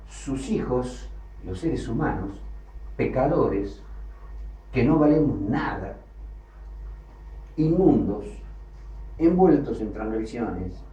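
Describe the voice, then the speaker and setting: A man's voice: mid-range voice, mellow. A man teaching a sermon on the Bible, building his points through repeated phrases and rising emphasis. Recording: distant, roomy, dull lo-fi with faint hiss.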